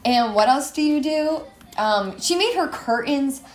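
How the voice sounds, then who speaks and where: A woman's voice: high voice, expressive, a little slow, faint music behind. Young female co-host, chatty and giggly, recorded in a roomy space. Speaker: co-host of a cider tasting show. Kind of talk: casual chat. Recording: roomy echo.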